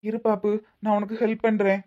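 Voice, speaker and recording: Speaking with a Tirunelveli Tamil accent, a woman lightly acts out a fretful young husband's rapid, worried questions. Her medium-pitched voice is warm but flat, and the audio is slightly muffled lo-fi.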